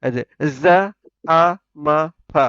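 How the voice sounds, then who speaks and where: A man teaching an online pronunciation class, sounding out words slowly and having students repeat them. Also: on the high side, fairly bright tone, dry recording. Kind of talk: online spoken English class. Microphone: online video call. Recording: dull lo-fi online call audio.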